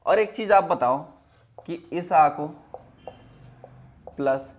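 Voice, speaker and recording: A male teacher with a fairly high voice leads a lesson, asking questions over and over and repeating each answer. His voice sinks low and quiet whenever he gives the answer. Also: expressive, slow pace. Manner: drops to a low, quiet voice when giving the answers. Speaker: Hindi teacher. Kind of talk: classroom lesson.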